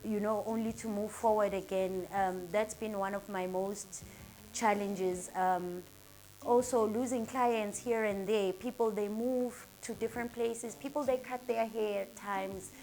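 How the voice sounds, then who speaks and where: A woman's voice: medium pitch, fairly even intonation, a little slow, a little mellow, a little hiss or hum. A woman in her thirties from Durban with a South African accent, a salon owner answering interview questions in an earnest, upbeat and motivational way.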